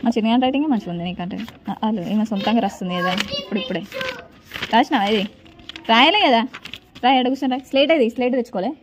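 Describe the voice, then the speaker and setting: Brisk, bossy mother vlogging. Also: a little high, expressive. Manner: scolding, bossy with children. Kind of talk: casual home vlog. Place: home. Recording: noisy home recording.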